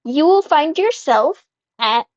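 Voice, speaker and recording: High-voiced woman game master. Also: lively intonation, slow pace, darkish tone, no echo, dull audio. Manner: casual, unbothered, profane. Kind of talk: narrating a tabletop game over voice chat.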